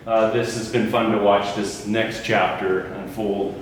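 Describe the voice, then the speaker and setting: A man, a fellow tattoo artist, asking questions in a halting way with many ums and uhs during a casual chat over pool. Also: fairly low pitch, level tone. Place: indoors at a pool table. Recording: echoey room, distant mic, faint background noise.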